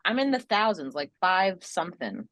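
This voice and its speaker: A woman's voice: on the low side, very animated, normal speed, fairly bright tone, no echo. A woman guest in a casual podcast chat, talking playfully and rambling with frequent laughter.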